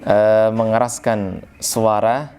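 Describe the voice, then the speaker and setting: A man's voice: on the low side, flat delivery, slow pace, a little mellow, a little hiss or hum. Male religious teacher. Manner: reads Arabic then explains phrase by phrase; conversational, addresses listeners as sir, frequent filler particles. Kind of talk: classical text study lesson.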